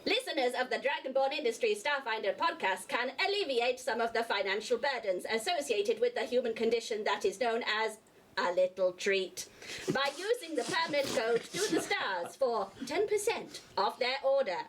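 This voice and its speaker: A woman's voice: a little high, animated, normal speed, slight background noise, low-quality recording. A woman putting on a robot voice as a robotic host reading a comic advert, with a stiff announcer cadence and computer status phrases. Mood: deadpan mechanical. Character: robotic male-less unit host reading an ad. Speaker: player reading a sponsor advert.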